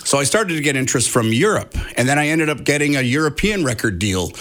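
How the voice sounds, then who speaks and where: A musician from Canada being interviewed, telling a story in a casual, animated way, acting out conversations. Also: male voice, mid-range voice, quick pace.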